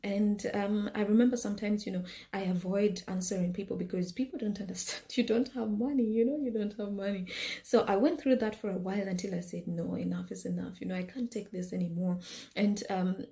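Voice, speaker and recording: Kenyan-born woman telling her story, gravelly. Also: medium pitch, fairly even intonation, fairly quick, mellow. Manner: chatty, many fillers and repeated words. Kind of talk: casual storytelling to camera.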